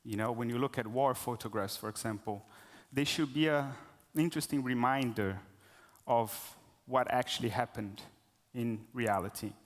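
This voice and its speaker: A man's voice: mid-range voice, moderate pace. A man speaks at a conference with a mid-range voice, and his words ring out in a hall with a long reverb tail. He is openly nervous, hesitant and full of fillers and restarts as he talks to the audience. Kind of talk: live conference talk.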